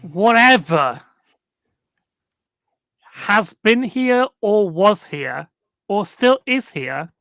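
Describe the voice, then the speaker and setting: A game master narrating a tabletop role-playing game in slow, deliberate bursts with frequent pauses and fillers. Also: mid-range voice, very animated, a bit bright, no room sound, clean studio sound.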